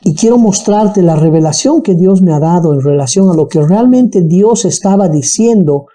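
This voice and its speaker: A Bible teacher speaks with a Bolivian highland accent in a very dark, mellow tone. The delivery is animated, with frequent check-ins with the listeners. This is a Bible study lesson. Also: moderate pace. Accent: Bolivian highland (colla).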